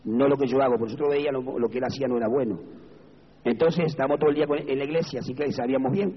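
Folksy Argentine preacher in echoey hall. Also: male voice, rapid-fire, slight background noise. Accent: Argentine Spanish. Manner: lively, folksy, breaks into high shouted bursts. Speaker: evangelical preacher. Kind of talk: sermon. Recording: dull echoey hall recording.

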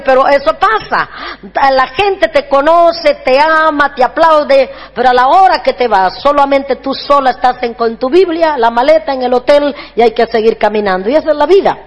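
High-voiced woman preacher in an echoey hall. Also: lo-fi sound. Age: 40s. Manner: animated storytelling, acts out children's shrieking voices. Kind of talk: humorous sermon.

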